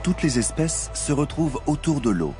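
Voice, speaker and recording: A man delivering scripted nature documentary narration in a measured, expository storytelling way. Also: a little high, big pitch swings. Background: music.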